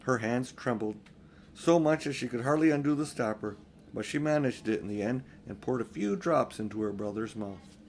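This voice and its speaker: An older man reads a children's story aloud in an expressive, unhurried, homely way, with informal asides. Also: mid-range voice. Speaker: audiobook reader.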